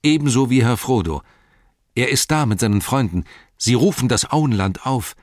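A man's voice: mid-range voice, lively intonation, moderate pace, a little mellow, dry recording, studio quality, voice pushed up, lightly acted. A man voicing an earnest, loyal young male hobbit who speaks eagerly in a lifted voice.

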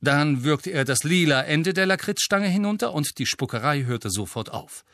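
A man narrating an audiobook in an even, measured reading. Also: on the high side, dry recording, clean studio sound. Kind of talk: scripted narration.

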